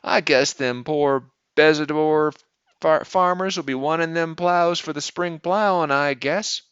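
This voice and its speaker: A man voicing a proud young canal boy who talks in a high voice and speaks importantly, in a dull lo-fi recording. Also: measured pace, fairly bright tone, smooth, no room sound. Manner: self-important.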